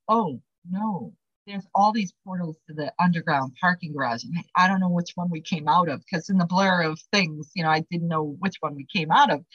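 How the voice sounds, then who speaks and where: A woman who works as a medium, telling a story in a casual, animated way and acting out the dialogue she quotes. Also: mid-range voice, no room sound, dull audio.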